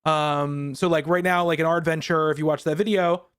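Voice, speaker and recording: A man co-hosting a casual games podcast, his voice sitting a little higher than most men's. He rambles through his explanations with frequent ums and restarts. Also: steady tone, fairly quick, fairly bright tone, clear, resonant tone. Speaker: podcast co-host. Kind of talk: casual chat.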